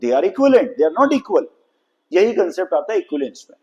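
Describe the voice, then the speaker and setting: A man teaching chemistry to students, dictating formulas slowly and calling his students children. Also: high-pitched, big pitch swings, dark tone, muffled recording. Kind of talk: classroom lecture.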